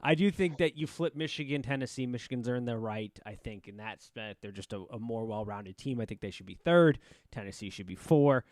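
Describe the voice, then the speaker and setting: A man's voice: medium pitch, fairly quick, a little mellow, no room sound, clean studio sound. A man hosting a casual sports betting podcast, talking loosely with lots of fillers and restarts. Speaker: podcast host.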